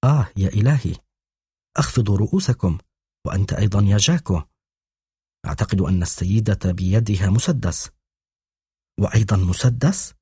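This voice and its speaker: A man voicing a brisk commanding woman who gives urgent, hushed orders to children in an audiobook. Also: on the low side, expressive, breathy edge, no room sound, clean studio sound.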